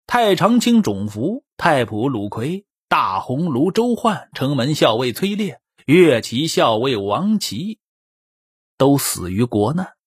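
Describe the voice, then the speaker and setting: A man telling a traditional historical tale, animated, swinging between loud exclamations and quiet asides. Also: mid-range voice, slow pace, breathy edge, no room sound, clean studio sound. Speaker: storyteller. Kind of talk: traditional Chinese storytelling.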